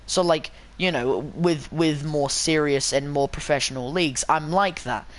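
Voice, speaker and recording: A man's voice: a little high, unhurried. A man doing live commentary on a sim race late at night, rambling and self-mocking, with many fillers and restarts.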